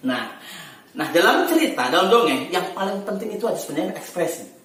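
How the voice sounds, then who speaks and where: A man teaching storytelling technique in a lively, chatty way, laughing often and letting his pitch swing widely. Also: brisk, slight background noise. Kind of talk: tutorial lesson on storytelling. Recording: echoey room from far off.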